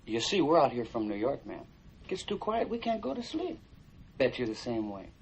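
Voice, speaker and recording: An actor playing a polite, smooth-talking lodger in a film drama, with an American accent and an ingratiating manner. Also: male voice, mid-range voice, wildly swooping pitch, normal speed. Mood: polite, reassuring. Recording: dull film sound, clear background noise.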